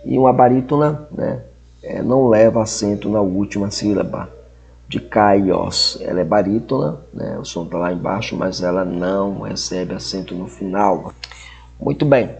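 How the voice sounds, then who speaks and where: A man with a Brazilian Portuguese accent teaching a recorded lesson, slowly repeating example words and checking in with frequent tag questions. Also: lowish voice, creaky, a little mellow, breathy edge. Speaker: Greek language teacher. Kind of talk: recorded classroom lecture.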